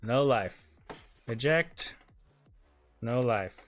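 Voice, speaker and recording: A man's voice: mid-range voice, expressive, very slow, soft background music. A man hosting a console repair stream, chatting casually and muttering to himself while he works, with casual swearing. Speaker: repair channel host.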